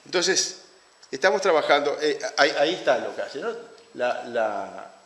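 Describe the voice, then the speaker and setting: A man with a Uruguayan Spanish accent giving an academic lecture, halting and restarting his phrases often. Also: a little high, big pitch swings, fairly bright tone. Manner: halting, with frequent restarts and fillers. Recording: roomy hall with long reverb.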